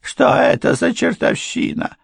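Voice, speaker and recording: A man's voice: measured pace, no room sound, clean studio sound, lightly acted. A man voicing an older housekeeper woman, tearful and bitterly accusing. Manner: crying, shrill, accusing.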